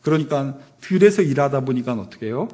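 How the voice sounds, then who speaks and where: A man's voice: medium pitch, lively intonation, fairly quick, warm tone. A man in his thirties giving a sermon to young adults, telling stories in a casual, self-deprecating way. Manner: conversational storytelling, self-deprecating. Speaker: pastor.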